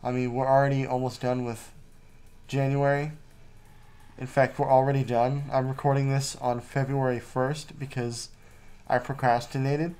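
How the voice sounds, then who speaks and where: Man, vlog host, casual monologue, rambling and jokey, mid-pitched voice, too close to the mic. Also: flat delivery, moderate pace, darkish tone, smooth.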